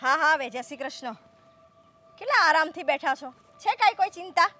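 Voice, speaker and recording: An actress playing a domineering sister-in-law who scolds and argues sharply in a family drama. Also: female voice, sits high, expressive, moderate pace, sharp tone. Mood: scolding. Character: domineering, haughty sister-in-law of adult age. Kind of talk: scripted family drama dialogue.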